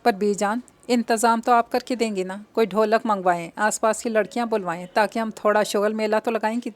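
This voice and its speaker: A woman's voice: mid-range voice, fairly even intonation, natural voice. A woman voicing a spirited young woman who talks in a petulant, sulky way.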